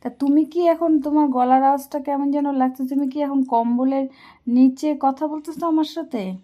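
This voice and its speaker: A woman's voice: sits high, fairly even intonation, moderate pace, muffled recording, close to an everyday voice. A woman playing a lonely, prying mother-in-law in a scripted comic phone skit, drawling and reproachful. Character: lonely complaining mother-in-law, middle-aged.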